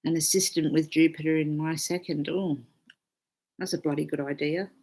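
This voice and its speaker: A woman's voice: sits low, fairly even intonation, normal speed, mellow. A woman astrologer hosting a casual live stream, chatting freely, swearing often and reading out viewer comments.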